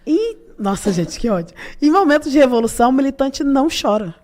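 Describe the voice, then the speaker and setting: A Brazilian woman with a Brazilian Portuguese accent, a podcast guest telling animated stories full of laughter. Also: high voice, fast talker, slight background noise. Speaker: guest, youth party leader. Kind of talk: casual storytelling interview.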